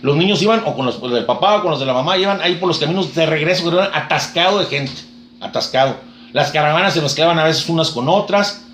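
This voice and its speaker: A man's voice: fairly high pitch, quick pace, a bit bright, echoey room, a little hiss or hum. A man preaching a sermon, retelling scripture in a fervent storytelling manner.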